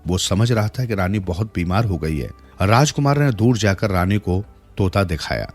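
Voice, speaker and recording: Low-voiced male storyteller over soft music. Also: animated, moderate pace. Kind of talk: scripted storybook narration with acted dialogue. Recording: soft music bed behind the voice.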